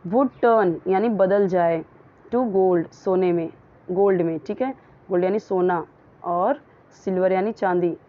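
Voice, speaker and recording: A woman teaching English in Hindi, patiently translating a story phrase by phrase and reading the English words slowly. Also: on the low side, narrow, tinny audio. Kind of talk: explaining a story line by line in Hindi.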